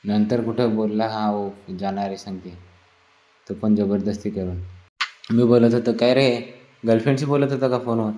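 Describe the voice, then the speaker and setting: A man narrates his vlog in a relaxed, teasing way, joking about the kids and friends in his shots. His voice sits low and sounds mellow and warm. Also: brisk, a little hiss or hum. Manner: chatty, teasing, playful narration. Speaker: vlogger working at a water park resort. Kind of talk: casual vlog commentary.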